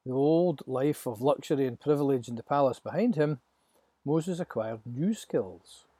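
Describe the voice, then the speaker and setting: A man narrating a scripted Bible story with dramatic, expressive delivery and a husky voice. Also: medium pitch, moderate pace, no room sound.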